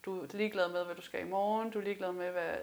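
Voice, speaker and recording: A woman hosting a podcast interview, asking casual questions with quick asides. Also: fairly low pitch, fairly even intonation, darkish tone. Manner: chatty, quick asides, frequent "mm" backchannel. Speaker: podcast host.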